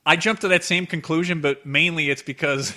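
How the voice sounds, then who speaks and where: A man's voice: on the high side, fairly even intonation, a little fast, pushed and bright. A man co-hosting a podcast in casual chat, who builds jokes with mock quotes. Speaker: podcast co-host. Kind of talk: casual chat about a movie.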